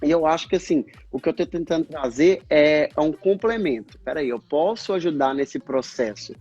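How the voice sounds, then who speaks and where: A Brazilian man with a Brazilian Portuguese accent talks through his experience in an earnest, explanatory way, often acting out old conversations. His voice is husky and sits at an ordinary pitch. The audio is dull and lo-fi, like an online call, with faint music underneath. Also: lively intonation, normal speed, a little mellow. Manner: earnest, explanatory, acts out past dialogues. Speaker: speech therapist guest. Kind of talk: livestream interview talk.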